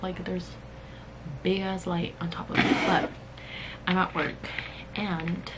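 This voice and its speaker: A vlogger in her thirties who owns a cosmetics brand chats casually to the camera, addressing her viewers directly from a small indoor room at work. Her voice is fairly low with a level tone and slow pace, and the camera audio carries clear room noise.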